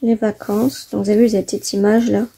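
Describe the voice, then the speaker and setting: Husky woman flipping through a magazine. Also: mid-range voice, level tone, a little fast, dark tone. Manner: chatty, enthusiastic, many fillers. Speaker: craft vlogger. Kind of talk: casual magazine flip-through.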